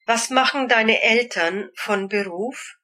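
A woman asking short speaking-exam questions, each one deliberate and clearly spaced. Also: a little high, sharp tone. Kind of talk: slow, clear exam prompts.

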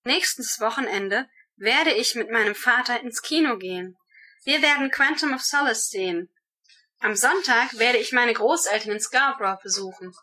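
A woman giving rehearsed answers to German speaking-exam questions in a steady, measured way. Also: on the high side.

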